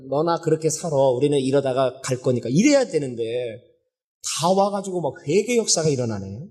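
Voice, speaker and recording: Husky-voiced preacher man, lively storytelling. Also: a little high. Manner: lively storytelling preacher, asking the congregation questions and acting out quotes. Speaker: pastor. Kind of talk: sermon.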